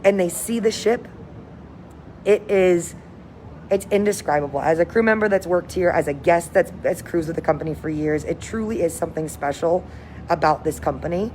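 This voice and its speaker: An upbeat cruise director, a woman with a slightly low-pitched voice, chats casually to her viewers on a livestream. She sounds enthusiastic and informal, and there is clear ambient noise behind her. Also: normal speed, a little mellow. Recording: noticeable background noise, windy ambience.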